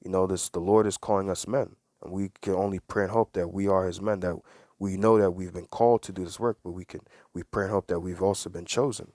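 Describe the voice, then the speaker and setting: A man with a fairly low voice delivers preachy religious commentary. He leans hard on certain words, circles back to repeat phrases, and fires off rhetorical questions. The sound is dry and close, with no room echo. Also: fairly even intonation, fairly quick, darkish tone. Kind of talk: preachy commentary with read-aloud news.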